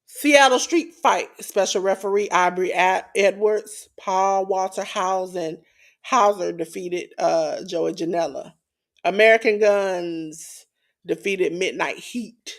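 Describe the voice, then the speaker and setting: Woman, podcast co-host, unhurried, gravelly, sleepy, announcer flourishes. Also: mid-range voice. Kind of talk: wrestling results recap.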